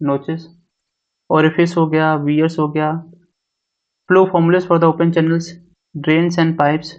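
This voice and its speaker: A man teaches an exam syllabus, listing topic after topic and going over each one twice. His voice sits a little high and stays almost monotone. The recording sounds dull and lo-fi. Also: extremely slow. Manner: repeats each point, mixing English syllabus terms into Hindi. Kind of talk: syllabus walkthrough lecture.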